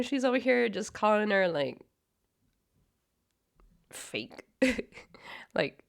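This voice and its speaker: A woman's voice: lowish voice, gravelly. A woman hosting a reaction video, blunt and mocking in casual commentary. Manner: blunt and mocking, laughs often. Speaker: reaction channel host.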